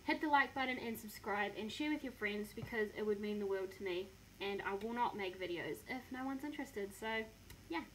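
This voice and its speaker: Speaking fairly quickly in a mid-range, slightly bright voice, a New Zealand woman in her twenties vlogs casually from a small bedroom into a phone camera close to her face, staying upbeat and self-mocking. The recording is low quality with slight background noise.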